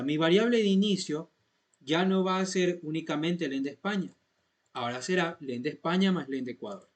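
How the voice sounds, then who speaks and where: A man walks students through code one step at a time. He repeats each point patiently and keeps checking that they follow. The tone is that of a classroom lesson. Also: fairly high pitch. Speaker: programming instructor.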